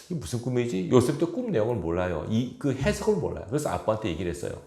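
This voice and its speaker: A man's voice: medium pitch, very animated, quick pace, warm tone, echoey room. A male pastor preaching a storytelling sermon in a church, acting out the characters' quoted words. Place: church sanctuary.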